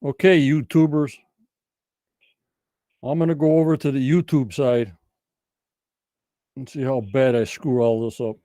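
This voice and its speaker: A man's voice: mid-range voice, fairly even intonation, unhurried, long pauses, warm tone, dry recording, studio quality. A man hosting a casual livestream trivia night, talking in folksy, rambling game-show patter.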